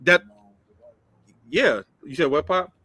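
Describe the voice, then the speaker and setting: A man with a bright, forceful voice, pitched a little high, who keeps circling back to his question in a casual debate. The sound is dry and close, with no room around it. He talks like a host steering the chat. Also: animated, slow pace, slightly rough, dry recording. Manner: persistent, probing questions, says "bro". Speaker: podcast host.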